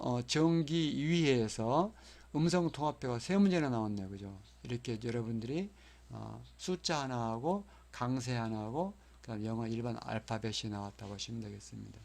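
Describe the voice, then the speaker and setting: A man gives a recorded exam lecture in an explanatory tone. He repeats each key term for memorizing and spells English phrases out slowly. His voice sits at a middle pitch. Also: creaky.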